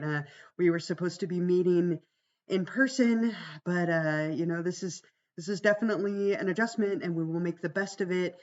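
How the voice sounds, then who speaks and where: A woman instructor with a gravelly voice, worn by a cold and a week of talking, giving an informal, reassuring class orientation on a livestream. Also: on the low side, darkish tone, highs cut off. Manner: reassuring, conversational. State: fighting a cold, voice strained from much talking. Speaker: college psychology instructor.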